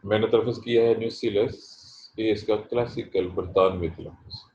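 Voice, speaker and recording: A man teaching a botany class online, explaining terms slowly and stressing how to pronounce them. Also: lowish voice, fairly even intonation, darkish tone, echoey room, highs cut off. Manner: slow, explanatory, stresses pronunciation. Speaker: botany professor. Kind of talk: online lecture.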